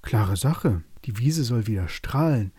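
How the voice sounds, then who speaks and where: A man voicing a brave tiny field mouse in a bedtime story, squeaky and insistent. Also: sing-song, warm tone, breathy edge, no echo. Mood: eager. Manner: squeaky, insistent, rushed pleading.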